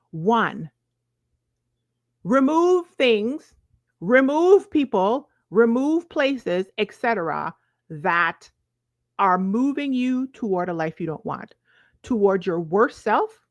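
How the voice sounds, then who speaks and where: A woman's voice: medium pitch, expressive, takes it slowly, dry recording. Emphatic Virgin Islands woman, dry close sound. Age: 40s. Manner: emphatic, conversational, with frequent check-in questions. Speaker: self-help coach. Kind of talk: motivational talk to viewers.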